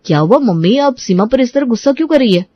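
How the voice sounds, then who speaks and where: A woman voicing an easygoing young husband in a cartoon, who talks in a soothing, relaxed way. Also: fairly high pitch, fast talker, no echo, muffled recording.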